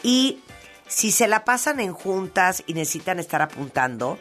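A woman hosts a casual talk show in an upbeat, chatty manner, her voice sitting low. English is her first language, and she moves easily between banter and sponsor reads. Faint music plays under her. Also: sing-song, moderate pace, a bit bright. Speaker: radio show host. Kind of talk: casual radio chat with ad reads.

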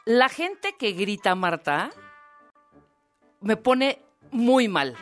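Mexican female co-host, storytelling casual chat, higher pitch, faint music bed. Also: very animated, extremely slow. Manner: chatty, storytelling, acts out shouting relatives. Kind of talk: casual talk show chat.

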